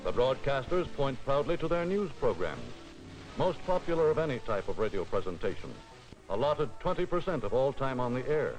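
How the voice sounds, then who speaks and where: A man delivers old-newsreel narration in a formal, declamatory tone at a middle pitch. Music plays clearly under his voice on an old film soundtrack. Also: sing-song, fairly quick, rough recording.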